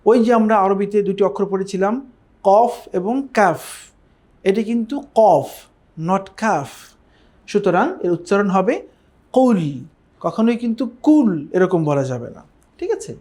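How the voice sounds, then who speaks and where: A man teaching a Quran reading class, patiently drilling pronunciation and slowly chanting short verses. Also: high voice, lively intonation, darkish tone. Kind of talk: recorded online lesson.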